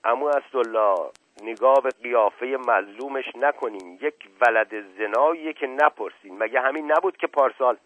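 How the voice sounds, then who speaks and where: A man's voice: medium pitch, a bit bright, no room sound, lightly acted. A man voicing a whiny, spiteful young man who accuses and complains. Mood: whining accusing. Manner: whining, accusing. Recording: narrow phone-like band, dry.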